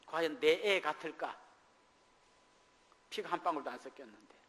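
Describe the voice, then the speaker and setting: A middle-aged man preaches from the pulpit, his fairly high voice carrying through the long reverb of a church hall. He tells a personal testimony and acts out the voices of the people in his story. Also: normal speed, fairly bright tone. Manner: storytelling testimony, acting out quoted dialogue. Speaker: pastor. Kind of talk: sermon. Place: church sanctuary.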